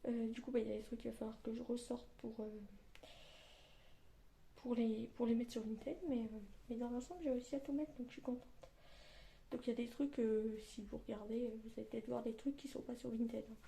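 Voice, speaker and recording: Lisping woman with a dark, mellow voice. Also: on the high side, steady tone, brisk, creaky. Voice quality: lisp on s sounds from orthodontic elastics. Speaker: vlogger. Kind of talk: casual rambling vlog chat to viewers. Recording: roomy echo, faint background noise.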